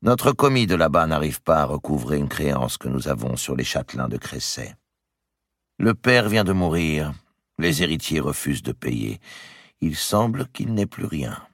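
A man voicing a shrewd, calculating old male banker in an audiobook, measured and wheedling. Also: extremely low pitch, big pitch swings, fairly bright tone, no echo, clean studio sound, exaggerated voice. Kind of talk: audiobook character reading.

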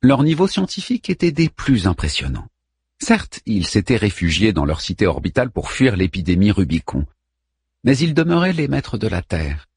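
A man reading a science fiction novel aloud with expressive narration. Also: on the low side, slightly rough, dry recording, studio quality. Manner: expressive, varied delivery. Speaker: audiobook narrator. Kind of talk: scripted narration.

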